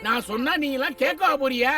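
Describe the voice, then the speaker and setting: A sharp-tongued scolding elder. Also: female voice, sits high, quick pace. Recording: distant film audio with music.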